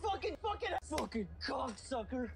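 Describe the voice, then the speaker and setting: A woman's voice: high voice, sing-song, normal speed, breathy edge, soft background music, full character voice. An actress playing a furious screaming woman in a slasher film, cursing nonstop. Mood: enraged. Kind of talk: horror film acting.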